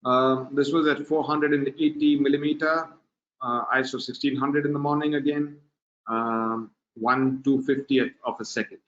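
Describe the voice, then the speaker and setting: A man presenting a wildlife photography webinar, talking in a relaxed, unhurried way with many filler pauses over a video call. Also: medium pitch. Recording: dull lo-fi webinar audio.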